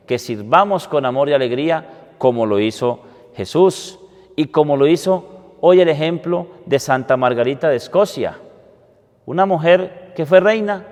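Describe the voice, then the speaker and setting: A man, a priest giving a homily and prayers at Mass in a solemn, deliberate way, with a cathedral-like echo. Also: medium pitch, a little mellow. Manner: solemn, deliberate delivery with measured phrases. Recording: cathedral-like echo, long reverb.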